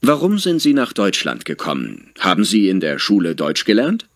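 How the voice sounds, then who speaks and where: A low-voiced male interviewer asks friendly questions with a lot of pitch movement, as an actor plays him. He delivers his lines as a scripted exam dialogue. The sound is dry and close. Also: huge pitch swings, moderate pace, dry recording, full character voice. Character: adult male radio-style interviewer. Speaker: interviewer in a language exam recording.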